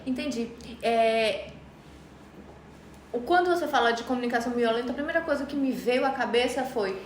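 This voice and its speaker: A woman's voice: on the high side, moderate pace, slight background noise. A woman hosting a podcast, asking questions and sharing examples with hesitant fillers. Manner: hesitant, with frequent fillers and restarts. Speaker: podcast host. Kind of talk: interview questions and conversational chat. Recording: roomy echo, off-mic, faint ambience.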